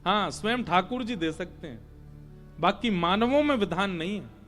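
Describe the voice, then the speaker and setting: An animated male preacher with a high voice tells scripture stories in a devotional sermon. He is dramatic and chants verses, and soft devotional music plays faintly underneath. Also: normal speed.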